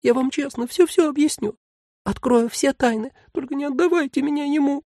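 A timid little demon cloud. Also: male voice, very high-pitched, brisk, a little mellow, dry recording, studio quality, voice pushed up. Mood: pleading. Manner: plaintive, fawning, fearful.

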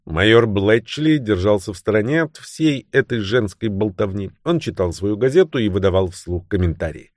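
A man reading a novel aloud as an audiobook narrator, expressive and voicing the characters' lines. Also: lowish voice, moderate pace, hardly any pauses, dry recording, clean studio sound. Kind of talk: scripted narration.

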